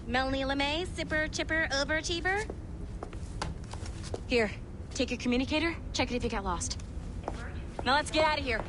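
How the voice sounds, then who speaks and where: An actress plays a brash young woman working tech security in a video game. Her voice sits fairly high, with a sardonic, casual edge, over clearly audible ambient noise. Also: normal speed, pauses often, lightly acted. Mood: brisk, sarcastic.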